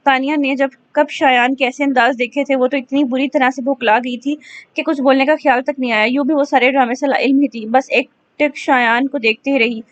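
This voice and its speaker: A woman narrating a romance novel aloud in a steady storytelling manner, with small slips. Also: high voice, fairly quick. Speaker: audiobook narrator. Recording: dull lo-fi recording.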